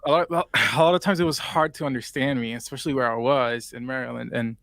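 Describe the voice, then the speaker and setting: He talks fast, this Puerto Rican guest in his twenties, his Spanish accent coloring a casual interview where he rambles with lots of fillers. The medium-pitched voice is fairly bright with fairly even intonation, and there's no echo.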